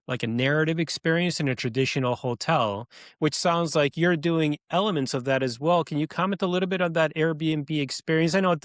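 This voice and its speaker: A man's voice: on the high side, no echo, clean studio sound. A man hosting a podcast, asking thoughtful questions in a friendly, easygoing way and laughing easily. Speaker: podcast host. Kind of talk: casual podcast conversation.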